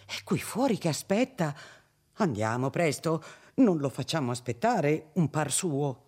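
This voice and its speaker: A man's voice: a little high, very animated, unhurried, darkish tone, breathy edge, full character voice. A man voicing a timid middle-aged village priest who talks in a flustered, anxious way, in an audiobook reading.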